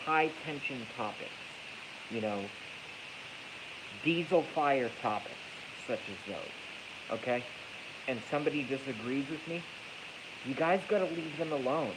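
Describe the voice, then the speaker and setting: With long pauses and a slightly slow pace, a mid-range, stuffy-voiced livestream host rambles casually, bluntly, and profanely, repeating phrases for emphasis. The setting is an echoey garage at night, and his iPhone, moved closer during the stream, captures hissy, noisy sound.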